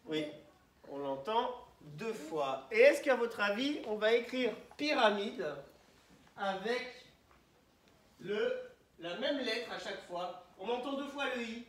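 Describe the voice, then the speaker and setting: A man teaching young children, asking questions and spelling words out slowly syllable by syllable. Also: sits high, animated, a bit bright, far from the mic. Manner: questioning, prompting pupils to answer. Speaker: primary school teacher. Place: classroom. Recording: roomy echo, voice from the mic.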